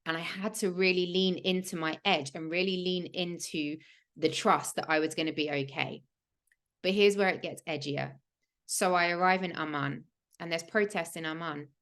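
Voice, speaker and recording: A woman's voice: lowish voice, a bit bright. A woman, hosting a livestream and telling a personal story in an earnest, emphatic way with many "like" fillers. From England. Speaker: host of a spiritual podcast.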